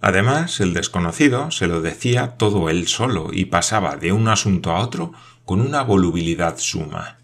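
A male narrator with a very deep voice reads a novel aloud. His delivery is measured and even, a steady scripted audiobook reading.

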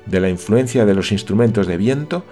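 A man voicing a calm, politely ironic young painter in an audiobook. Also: fairly low pitch, a little fast, soft background music, natural voice. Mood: dry.

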